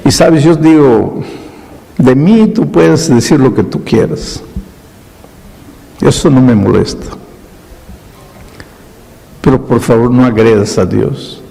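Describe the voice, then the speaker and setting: Slow gravelly male preacher. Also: medium pitch, mellow, big-room sound, poor audio. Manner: slow dramatic storytelling in short phrases. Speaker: pastor. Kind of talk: sermon.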